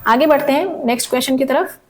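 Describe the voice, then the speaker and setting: Her tone somewhat high yet darkish, a woman teacher takes students through exam questions in a Hindi-English lesson, slowly reading each one aloud in English and then explaining it. She pauses frequently with "theek hai" to confirm they follow, and her sore throat causes occasional cracks in her voice.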